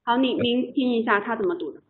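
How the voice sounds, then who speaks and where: A woman's voice: on the high side, fast, background noise. A woman teaching an online English lesson, patiently explaining and repeating words for her students. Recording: tinny online call audio.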